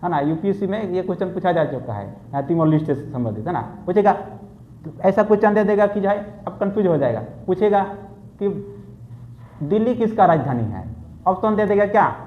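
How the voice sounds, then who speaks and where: A man's voice: high-pitched, lively intonation, normal speed, a little hiss or hum. A male teacher with an eastern Hindi accent drilling his class by rote, coaxing and repeating himself. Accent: eastern Hindi, Jharkhand. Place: coaching centre classroom. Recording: echoey room on a tinny lo-fi mic.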